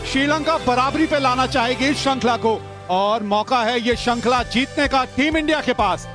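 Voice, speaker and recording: Excited guy calling cricket live, really high pitched, music playing behind him. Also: moderate pace. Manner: excited, exclaiming commentary. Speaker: cricket commentator. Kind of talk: live cricket match commentary.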